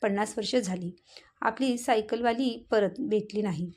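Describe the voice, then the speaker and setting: A woman's voice: medium pitch, moderate pace, a little mellow, close to an everyday voice. A joking old man who loves to tease, boastful and playful in a story told aloud, as a woman reads his lines in her own voice. He sounds easygoing and mischievous.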